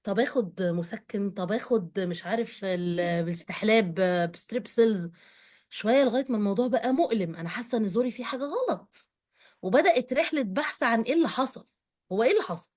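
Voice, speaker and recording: Brief: middle-aged Egyptian woman, higher voice, rapid chatty storyteller. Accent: Egyptian Arabic. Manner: animated, conversational, addresses listener directly. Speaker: speaker sharing personal experience. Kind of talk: personal storytelling talk.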